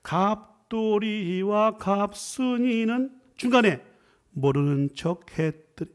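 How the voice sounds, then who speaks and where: A middle-aged man preaching a Friday prayer sermon as a guest professor, joking and swinging from loud exclamations to quiet asides. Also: high-pitched, slow.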